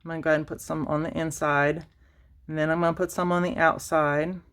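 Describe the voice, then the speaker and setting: A woman's voice: low voice, flat delivery, fast talker, fairly bright tone, clean tone. A woman hosting a casual craft tutorial, rambling and self-deprecating with lots of fillers and restarts, a little out of breath. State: slightly out of breath. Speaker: crafting channel host.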